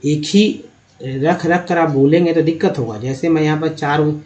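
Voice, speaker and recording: A man's voice: a little high, steady tone, moderate pace, darkish tone, slight background noise, rough recording. A man with a Hindi accent teaching English pronunciation, patiently drawing out the words he demonstrates. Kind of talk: explaining pronunciation to learners.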